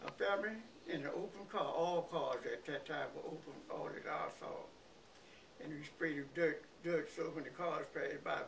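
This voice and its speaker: Very old man, Southern US accent, creaky yet bright aged voice, halting interviewee recorded a bit far from the mic. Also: on the high side. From Mississippi, United States. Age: very old, about 100. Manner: halting, repeats words and pauses. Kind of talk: reminiscing in an interview. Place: living room by a window, indoors. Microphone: camera a few feet away. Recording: noisy, distant room camera recording.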